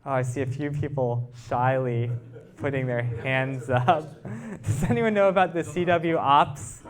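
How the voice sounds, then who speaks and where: A researcher presents a technical talk to a live audience, explaining ideas informally and asking his listeners questions. His voice sits in the mid-range and he takes his time.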